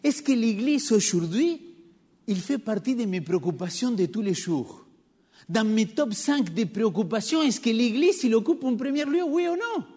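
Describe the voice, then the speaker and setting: A man's voice: extremely high pitch, animated, normal speed, a little mellow, breathy edge. A man with a noticeable accent preaching a sermon to his congregation in a church, engaging listeners with rhetorical questions. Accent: non-native French accent. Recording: long reverb of a church hall.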